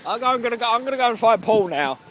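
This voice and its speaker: A man's voice: very high-pitched, lively intonation, very fast, fairly bright tone, slight background noise. A man filming outdoors on a town street, teasing and quizzing his friends in casual joking banter.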